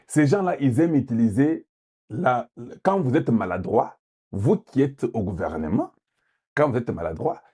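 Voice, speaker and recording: A man from Congo with a Congolese French accent, delivering heated, forceful political commentary and repeating points for emphasis. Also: medium pitch, breathy edge. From Democratic Republic of the Congo.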